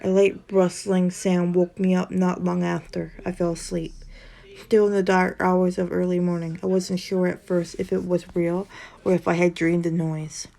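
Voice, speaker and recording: Gravelly, low-voiced woman reading horror. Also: normal speed. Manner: steady storytelling, occasional tongue-tied slips. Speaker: horror story narrator. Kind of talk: first-person horror story reading.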